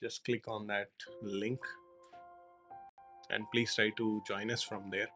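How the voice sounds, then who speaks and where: A man hosting a live online session, his voice bright and forceful. He talks in a halting way, leaning on fillers as he checks the audio. Faint music sits behind him. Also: lowish voice, flat delivery. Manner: halting, with many fillers like "you know".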